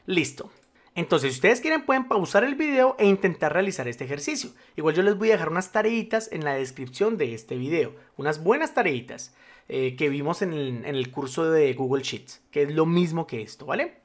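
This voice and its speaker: A spreadsheet instructor with a fairly high, animated voice walks through a screen-recorded software tutorial at a moderate pace. He addresses the viewer formally, explains patiently step by step, reassures them, and checks in often.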